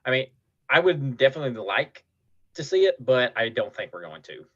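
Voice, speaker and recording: A man hosting a casual podcast chat, his voice bright and forceful. He retells scenes with animation. The recording sounds dull and lo-fi. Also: medium pitch, fairly quick. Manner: animated retelling with acted quotes. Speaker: podcast host.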